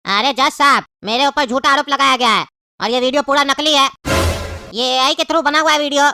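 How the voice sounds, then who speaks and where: A woman's voice: high-pitched, steady tone, brisk, sharp tone, dry recording, faint music behind. A woman voicing a young male accused in a comedy skit, pleading his innocence with evasive excuses.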